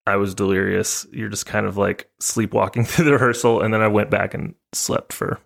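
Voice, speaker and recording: Gravelly-voiced man telling a travel story. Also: fairly low pitch, steady tone, normal speed. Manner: storytelling, acts out voices of others. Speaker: podcast co-host. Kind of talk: casual chat.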